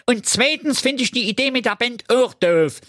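A man's voice: extremely high pitch, animated, moderate pace, fairly bright tone, no echo, clean studio sound, voice pushed up. A man voicing a stubborn male pig in a comedic radio play, whiny and nagging.

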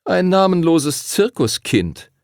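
A man's voice: a little high, sing-song, takes it slowly, a little mellow, no echo, clean studio sound, pitched above the performer's own voice, heavily acted. A man doing a sneering schoolyard bully. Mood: mocking. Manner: sneering, taunting. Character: burly red-haired bully boy, mocking. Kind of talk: audiobook character voice.

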